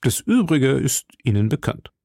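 A coldly mocking aristocratic lord, read by a man in a dark, gravelly voice. His speech is measured and sneering and sounds dry and close. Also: mid-range voice, very animated, dry recording, pitched above the performer's own voice. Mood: smooth.

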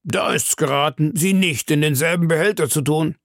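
A man reading an audiobook, voicing a blunt, hearty harpooner with a gravelly voice. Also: fairly high pitch, moderate pace, fairly bright tone, dry recording, studio quality, voice pushed up. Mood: gruff. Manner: blunt, impatient retorts. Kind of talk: audiobook character voice.

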